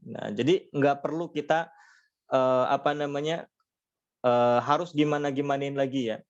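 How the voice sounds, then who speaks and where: Man, patient online recitation teacher, models sounds slowly, slightly dull lo-fi audio. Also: medium pitch, fairly even intonation. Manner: patient explaining, frequent fillers, demonstrates sounds slowly. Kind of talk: online lesson.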